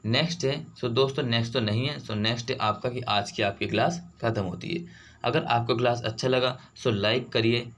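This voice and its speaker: A man giving an online vocabulary lesson for exam prep. He switches between Hindi and English, reads the English words slowly, and keeps saying "theek hai" and "doston". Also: medium pitch, steady tone, a bit bright, slight background noise. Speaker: vocabulary teacher.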